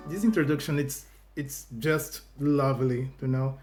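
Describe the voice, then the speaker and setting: Over music, an unhurried Brazilian reaction host chats casually to his YouTube audience in English with a Brazilian accent, Portuguese being his native tongue. His mid-range voice keeps a fairly even intonation. Phrases often get restarted, and he fills pauses with "you know."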